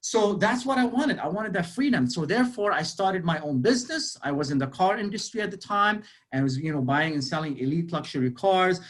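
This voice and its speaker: A man in his forties speaks in a fairly high voice for a man. He keeps an energetic motivational sales talk going over a video call, firing questions at his listeners and leaning on "you know". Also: fairly quick, hardly any pauses. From Lebanon. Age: 40s. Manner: energetic, quizzes the audience, frequent "you know". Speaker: real estate sales speaker.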